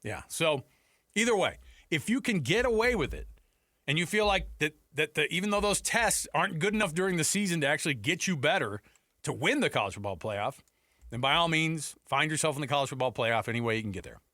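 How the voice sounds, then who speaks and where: An American man hosts sports radio on a close studio headset mic, offering casual, conversational sports talk full of rhetorical questions and asides. His voice is a little high, bright, and forceful, with big pitch swings, a brisk pace, and no echo.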